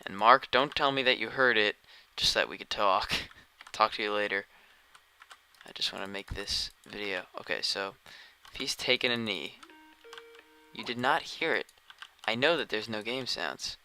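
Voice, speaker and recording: A man's voice: fairly low pitch, moderate pace, sharp tone, a little hiss or hum. Tired man rambling through a game stream. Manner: rambling, thinking aloud while playing. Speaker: gaming streamer. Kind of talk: casual live-stream commentary.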